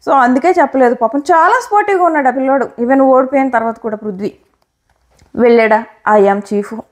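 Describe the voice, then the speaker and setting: Woman reviewer with a high, animated voice, recapping with strong opinions. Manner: animated, opinionated retelling with quoted lines. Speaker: reality show reviewer. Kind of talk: casual commentary.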